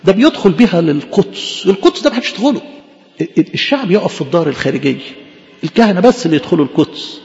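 A man's voice: high-pitched, expressive, racing, creaky, a little mellow, in a large hall, muffled recording. A man preaching a fervent sermon as a priest, emphatic and repeating phrases for stress, with an Egyptian accent. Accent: Egyptian Arabic.

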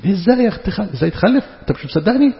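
Preacher voicing a stern gravelly archangel. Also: male voice, sits high, very animated, rapid-fire, voice pushed up, heavily acted. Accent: Egyptian Arabic. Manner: curt, brusque rebukes. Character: stern male archangel scolding a doubter. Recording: long hall reverb, dull sound.

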